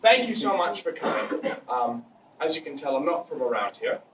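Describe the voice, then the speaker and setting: A man working a live stage as a magician, his fairly high voice rising and falling in lively swings. He banters and teases in a playful way. The sound is echoey and picked up from far off, with loud ambience around him. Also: moderate pace, noisy background. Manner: playful, teasing banter with a volunteer. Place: live stage before an audience.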